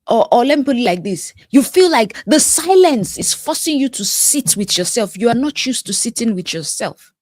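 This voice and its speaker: A woman's voice: on the high side, big pitch swings, moderate pace, a little mellow, no echo, studio quality. A woman life coach giving an emphatic motivational talk, repeating phrases with a preacher-like cadence and sometimes dropping to a whisper.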